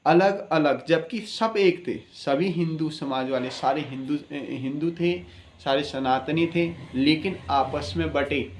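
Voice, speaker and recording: A man's voice: fairly high pitch, takes it slowly, roomy sound, a little hiss or hum. A man, an astrologer, giving an impassioned spoken address, earnest and preaching, with many rhetorical questions.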